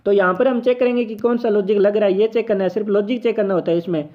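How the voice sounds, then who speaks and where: Fast-talking man teaching on tinny audio. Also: high voice, fairly even intonation. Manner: chatty, encouraging, thinks aloud while solving. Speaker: exam coaching teacher. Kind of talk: casual tutorial lesson.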